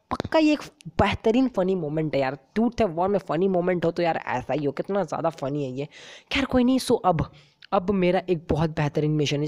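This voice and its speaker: Woman playing a brash cheeky baby gangster. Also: mid-range voice. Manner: excitable, chatty, exclaiming often. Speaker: gaming YouTuber. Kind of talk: comic game commentary in character.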